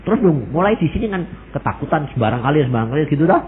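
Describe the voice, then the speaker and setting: A man with a Javanese accent preaching a sermon, animated, mixing in Javanese and acting out quoted prayers. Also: on the high side, racing, a little hiss or hum. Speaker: pastor. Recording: tinny phone-like sermon recording.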